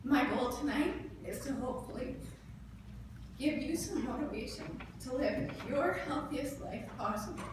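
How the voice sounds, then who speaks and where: A woman's voice: sits high, lively intonation, normal speed. Very echoey room, noisy background, Canadian woman, thirties, motivational public speech, earnest, emphatic phrasing. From northern Ontario, Canada. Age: 30s. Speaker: motivational speaker. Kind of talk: prepared motivational speech to a live audience. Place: indoor event room before an audience. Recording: echoey room, distant mic, clear background noise.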